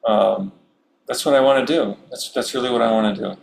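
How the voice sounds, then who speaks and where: Man, middle-aged, Zen priest, relaxed Dharma talk, chuckling, roomy hall recording. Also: medium pitch, vocal fry. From Maryland, USA. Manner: warm, unhurried, chuckles often, many fillers. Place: meditation hall. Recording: roomy hall with faint hum.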